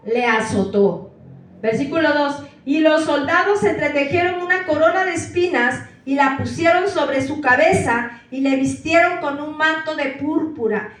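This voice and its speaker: High-voiced woman preaching in an echoey church. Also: unhurried. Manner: reads verses aloud, calls out verse numbers, asks listeners questions. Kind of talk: scripture reading in a church sermon. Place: church hall. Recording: echoey church hall from far off.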